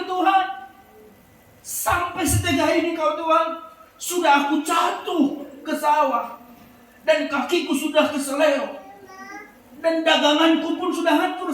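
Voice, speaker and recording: A man's voice: high-pitched, steady tone, moderate pace, close to an everyday voice. A man voicing a poor village mother who sells tofu and complains to God with pleading, indignant outbursts. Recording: echoey room, distant mic, faint noise.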